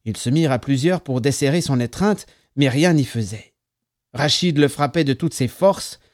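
A man reading a story aloud as narrator, calm between the voices. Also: medium pitch, normal speed, no room sound, clean studio sound. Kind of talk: audiobook narration.

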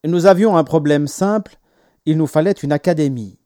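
A man reading stories aloud as an audiobook narrator, in a measured, expressive way. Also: fairly high pitch, no room sound, studio quality. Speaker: audiobook reader. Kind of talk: scripted narration.

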